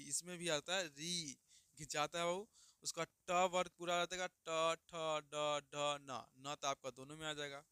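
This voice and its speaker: Bright, crisp male grammar teacher. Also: fairly high pitch, no echo, clean studio sound. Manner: repeats questions and answers them himself, calls listeners "babu"; sounds out letters slowly for students to copy. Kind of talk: classroom grammar lesson.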